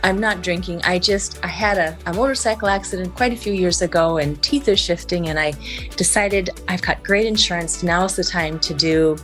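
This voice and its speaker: A woman's voice: fairly low pitch, normal speed, a bit bright, faint music behind. A woman hosting a podcast, talking informally and directly to listeners, with a lateral lisp that makes her s sounds slushy, like sh. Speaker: podcast host. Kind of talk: casual podcast outro addressed to listeners.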